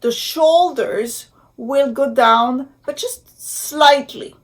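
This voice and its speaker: A woman giving an instructional pronunciation lesson as a language teacher, deliberately demonstrating sounds and repeating example words. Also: high-pitched, a little hiss or hum.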